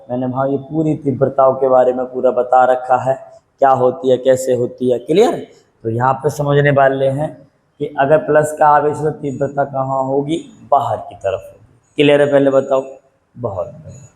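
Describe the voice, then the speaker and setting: Male physics teacher, patient call-and-response lecturing with slow dictation. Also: mid-range voice, a little mellow, rough recording. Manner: repetitive call-and-response questioning; patient, dictates slowly for note-taking. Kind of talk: classroom lecture.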